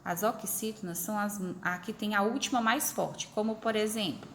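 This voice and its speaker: A woman teacher explaining a lesson to her pupils, repeating examples slowly and stretching syllables. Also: mid-range voice, a bit bright, a little hiss or hum. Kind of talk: recorded remote class explanation.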